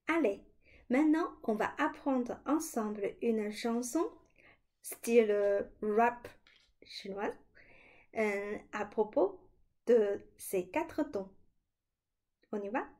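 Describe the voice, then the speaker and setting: A woman teaches children a language lesson, demonstrating sounds slowly and clearly. Her voice is fairly high and mellow.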